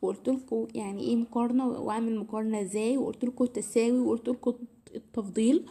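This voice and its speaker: Fast and husky, this woman's voice sits on the high side with a dark tone and fairly even intonation. Speaking with an Egyptian Arabic accent, she breaks English grammar down step by step in a relaxed way, often saying "تمام", though she sounds weary and slightly strained.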